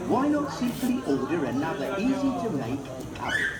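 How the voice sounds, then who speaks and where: Friendly cartoon zebra, lively, children's cartoon, echoey, crowd noise. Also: male voice, high-pitched, moderate pace, recorded from a distance, loud music behind the voice. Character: cheerful grown-up cartoon zebra, helpful. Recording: roomy sound from afar, crowd noise.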